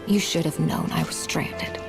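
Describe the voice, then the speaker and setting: An actress voicing a bitter young woman warrior consumed by darkness, speaking in a flat, accusing monotone. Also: low voice, unhurried, creaky. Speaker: game character. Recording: game cutscene with loud music. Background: loud music.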